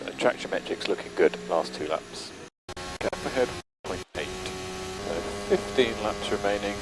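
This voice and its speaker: A man working as a race engineer sends clipped, matter-of-fact updates over team radio, his low-leaning voice expressive at a normal speed. The transmission is noisy, with car noise audible.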